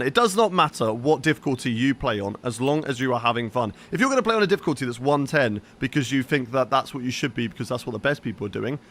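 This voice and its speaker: A young man streams a racing game, chatting with viewers and answering their questions as he plays. His voice sits at medium pitch and sounds slightly bright, with a little hiss or hum in the background.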